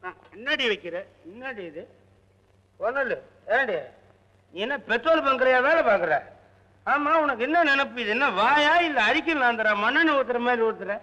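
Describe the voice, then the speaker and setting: A man's voice: very high voice, lively intonation, moderate pace, pushed and bright, exaggerated voice, rough recording. An actor playing a comic drunken male servant who whines and wails for liquor, in old film comedy style. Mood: drunken rambling. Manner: whiny, wailing comic complaints. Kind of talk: 1960s Tamil film comedy acting.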